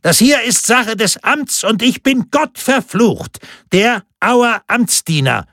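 A shrill scrawny bailiff. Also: male voice, animated, slow, fairly bright tone, no echo, clean studio sound, heavily acted. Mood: sneering. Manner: bullying, sneering. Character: scrawny sniffling male bailiff, spiteful and pompous.

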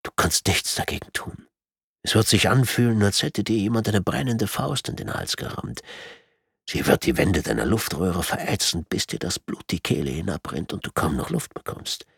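A man with a raspy, creaky voice voicing a calm, sadistic torturer who speaks in a soft, menacing whisper. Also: sits low, moderate pace, no room sound, studio quality, full character voice. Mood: quiet menace. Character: calm sadistic male torturer posing as surgeon.

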